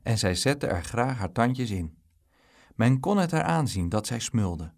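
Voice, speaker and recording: Gravelly lively male storybook reader. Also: mid-range voice, unhurried. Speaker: audiobook reader. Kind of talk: storybook narration.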